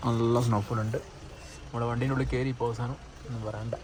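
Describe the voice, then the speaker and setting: A man's voice: medium pitch, little pitch movement, fast, darkish tone. A man with a Malayali accent gives casual, exclamatory travel vlog commentary, often repeating short phrases. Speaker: travel vlogger. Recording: noisy location audio with ambient din.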